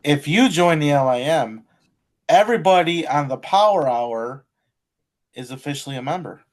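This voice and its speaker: Male co-host, slightly high voice, coaxing. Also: animated, moderate pace. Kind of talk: casual chat.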